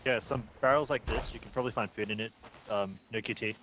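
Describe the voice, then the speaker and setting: A man's voice: fairly low pitch, steady tone, fast talker, a bit bright. A man chatting casually as a co-op player, giving directions and often repeating his phrases. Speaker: co-op player and stream moderator. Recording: noisy voice chat with clicks.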